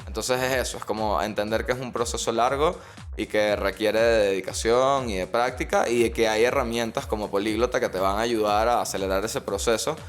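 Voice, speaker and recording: A man from Venezuela, a podcast guest, explaining his views in a reflective, drawn-out way. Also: on the low side. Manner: reflective, explains at length with restarts. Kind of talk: casual chat.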